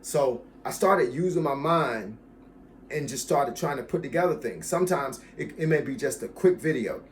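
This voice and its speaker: With an expressive, medium-pitched voice at normal speed, a fitness coach in his fifties addresses viewers directly in a casual talk about his channel. He hammers points home by repeating key phrases; there's a little hiss or hum.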